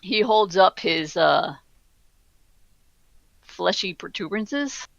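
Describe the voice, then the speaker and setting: Slow-talking woman game master. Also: medium pitch, lively intonation, creaky, dry recording, muffled recording. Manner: measured descriptive narration. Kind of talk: narrating a tabletop game.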